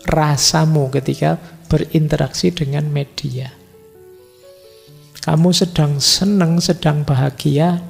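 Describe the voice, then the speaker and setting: A middle-aged man, giving a relaxed, conversational philosophy lecture full of everyday examples. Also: on the high side, creaky. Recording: lecture hall reverb with faint music.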